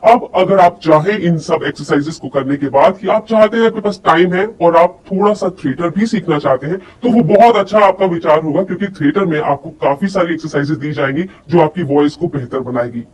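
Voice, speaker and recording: Brisk and barely pausing, she speaks in a lowish, darkish voice with a breathy edge. The woman is a voice and personality development coach giving a lesson, addressing listeners directly with demonstrations and rhetorical questions. The recording has a distant microphone and faint background noise.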